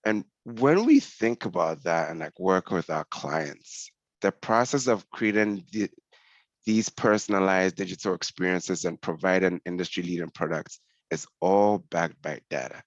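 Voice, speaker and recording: A man's voice: deep voice, lively intonation, unhurried, no echo. A man from Ghana, a senior scrum master, giving a conversational webinar presentation over a headset on a video call. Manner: conversational, explanatory. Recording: dull lo-fi call audio.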